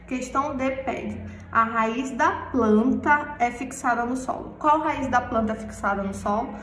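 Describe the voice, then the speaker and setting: A Brazilian woman teaching a primary class, asking questions and answering them herself while stretching the key words slowly. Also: on the high side, fairly bright tone. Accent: Brazilian Portuguese. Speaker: schoolteacher. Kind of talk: recorded remote class lesson. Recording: echoey room, voice far from the mic.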